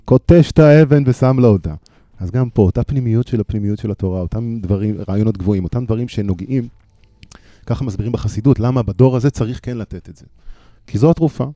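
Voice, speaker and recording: A man in his thirties, a panel guest, speaking thoughtfully and telling parables with pauses into a handheld microphone. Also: medium pitch, dark tone, no room sound, studio quality. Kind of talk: reflective panel discussion.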